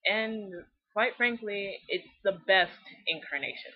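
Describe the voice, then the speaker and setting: Speaking slowly in a medium-pitched voice, a young adult woman runs a fan video series. Her scripted commentary comes through a lo-fi mic and is full of sarcasm, exaggeration and profanity.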